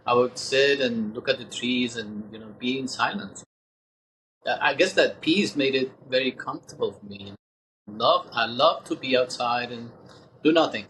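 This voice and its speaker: A man in his sixties speaking as an interview guest, thoughtful and halting, pausing often as he gathers his words. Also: mid-range voice, fairly bright tone, slight background noise, low-quality recording. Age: 60s. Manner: thoughtful, halting, many pauses. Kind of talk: reflective interview talk.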